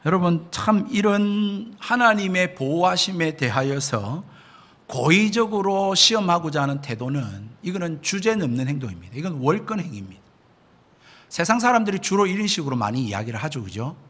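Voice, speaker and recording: A man preaches a sermon as a pastor in a church sanctuary, his voice a little high and a bit bright, very animated at a moderate pace. He is emphatic, often speaking directly to the congregation and posing rhetorical questions.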